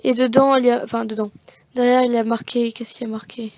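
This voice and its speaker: A woman's voice: a little high, flat delivery, fast talker, a little mellow, no room sound. A woman chatting casually as she shows off craft and nail art supplies, rambling and correcting herself as she goes. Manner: chatty, rambling, self-correcting with many fillers. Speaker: beauty vlogger showing craft supplies. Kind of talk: casual unboxing chat.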